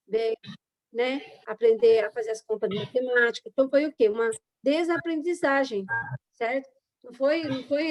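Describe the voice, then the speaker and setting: A woman teacher speaks in a high voice. She talks to her online class in an easy, chatty way and keeps checking in with her listeners. She works as a teacher and educational psychologist. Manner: chatty, addresses audience as "gente", frequent "né?" and "sabe?". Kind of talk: casual online class talk.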